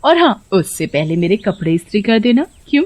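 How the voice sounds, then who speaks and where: A woman voicing a scheming, bossy elder sister-in-law with a taunting, sharp-tongued manner. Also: medium pitch, big pitch swings, fairly quick. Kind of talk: storybook voice acting.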